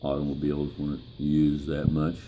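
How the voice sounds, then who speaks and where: An elderly American man with a gravelly old voice, reminiscing in a plain-spoken, halting way in an interview. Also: rumbling low, monotone, warm tone, dull audio, slight background noise. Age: 70s or older. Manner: plain-spoken, halting, pausing mid-phrase. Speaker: interviewee, grandfather.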